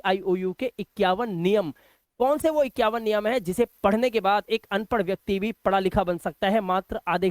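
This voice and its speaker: A man's voice: sits high, no room sound. A man teaching a phonics lesson, patiently spelling words out letter by letter and repeating them.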